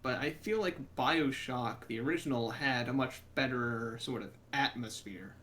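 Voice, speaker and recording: A young man with a middle-pitched voice co-hosts a casual podcast. He chats easily and drops dry, joking asides between his points. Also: moderate pace, a bit bright. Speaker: podcast co-host. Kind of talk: casual chat.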